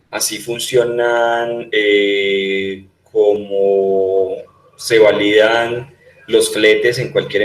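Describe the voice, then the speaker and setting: A man's voice: on the low side, roomy sound, low-quality recording. A man with a Colombian Spanish accent teaching a class online, patiently repeating points and checking that his students understand.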